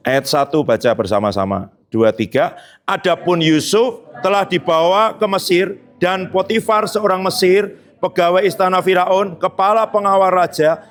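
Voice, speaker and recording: A man preaching a sermon as pastor, lively, asking the congregation questions and joking with them. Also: high voice. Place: church hall.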